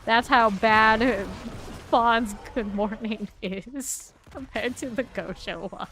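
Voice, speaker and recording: Lady streaming a game, just chatting away w her chat, kinda rambly, bit of quiet noise behind. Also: on the high side, slow. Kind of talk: casual gameplay chat.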